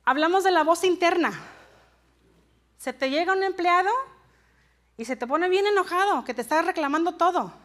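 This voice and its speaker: A woman's voice: very high-pitched, moderate pace, pauses often, a bit bright. A middle-aged woman leading a live workshop for supervisors, talking in an engaging way to a room of people, often asking them questions and dropping in short English phrases. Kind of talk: live workshop talk to an audience.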